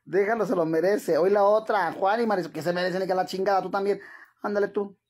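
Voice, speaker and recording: A man with a Mexican accent chats on a live stream, dramatic and full of exclamations, calling his viewers "sisters." His voice is high-pitched and darkish, with fairly even intonation and a quick pace.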